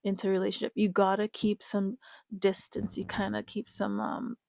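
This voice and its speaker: A woman's voice: medium pitch, completely flat delivery, moderate pace, gravelly, darkish tone, dry recording. A woman giving casual, emphatic commentary to her viewers, repeating her points and speaking to them directly. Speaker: reality-show commentator.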